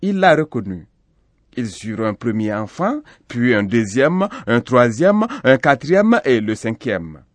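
Slow, expressive male storyteller. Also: mid-range voice, no echo. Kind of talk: folktale narration.

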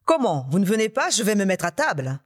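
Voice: mid-range voice, lively intonation, normal speed, darkish tone, natural voice. A storyteller voicing a greedy, hot-tempered tiger husband who blusters indignantly in a somewhat raised voice.

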